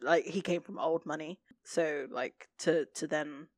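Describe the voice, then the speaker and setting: A woman's voice: sits low, steady tone, measured pace, no room sound. A woman co-hosting a podcast, chatting casually about a TV episode, laughing often and using many fillers. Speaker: podcast co-host. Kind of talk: casual chat recapping a TV episode.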